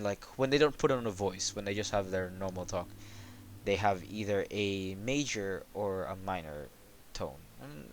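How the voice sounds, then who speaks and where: Low, flat-voiced man chatting casually. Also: slight background noise. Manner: monotone, halting, many fillers. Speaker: game developer and host. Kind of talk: casual chat.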